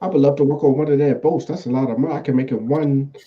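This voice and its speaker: A man's voice: mid-range voice, steady tone, fast talker, husky. A man speaking through a voice changer in a casual livestream chat, curious and full of questions. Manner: curious, asks many questions. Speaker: livestream guest. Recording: dull lo-fi voice changer audio.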